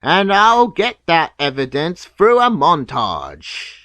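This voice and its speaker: A man giving scripted, nitpicking video commentary in a deadpan, sarcastic manner. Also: fairly high pitch, takes it slowly, no echo. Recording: clear background noise.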